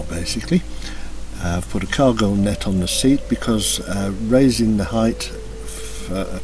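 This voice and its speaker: Hesitant man narrating a slideshow. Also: lowish voice. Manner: relaxed, hesitant with many ums and uhs. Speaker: motorbike restorer narrating a slideshow. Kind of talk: casual voice-over commentary. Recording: voice-over with music playing behind.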